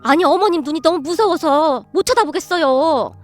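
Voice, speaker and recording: Woman playing middle-aged mother-in-law, earnest, eager, high-pitched, story narration. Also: moderate pace, faint music behind, close to an everyday voice. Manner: eager, earnest, practiced shouting.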